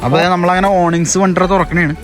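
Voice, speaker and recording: A man's voice: high-pitched, steady tone, fast, a bit bright, soft background music. A Malayali man casually narrating an outdoor vlog in a Malayalam and English mix, exclamatory and repeating phrases for emphasis. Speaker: vlog host. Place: outdoors at a rainy lakeside camping spot.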